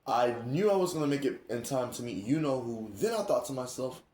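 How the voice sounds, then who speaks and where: Animated man telling stories, roomy sound. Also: medium pitch, brisk. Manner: animated, laughing, acts out quoted speech. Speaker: streamer and host. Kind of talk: casual storytelling chat. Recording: roomy echo.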